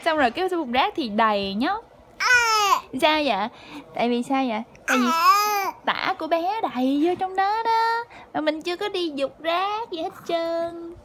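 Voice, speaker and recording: A woman, a mother chatting to her baby at home in slow, high sing-song baby talk with frequent laughter. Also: expressive, slight background noise.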